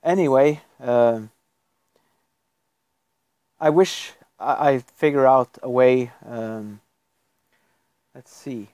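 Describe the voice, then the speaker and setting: On a live stream at his computer, a Norwegian man, a native Norwegian speaker, chats casually, rambling and chuckling frequently. He draws out his words and pauses often, his medium-pitched voice a little mellow, with no echo.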